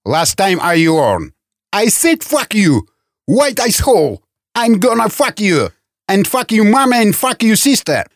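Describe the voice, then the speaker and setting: A man's voice: fairly high pitch, sing-song, slow pace, dry recording, exaggerated voice. A man doing a screaming, furious guard. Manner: yelling, broken English. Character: furious male guard hurling insults.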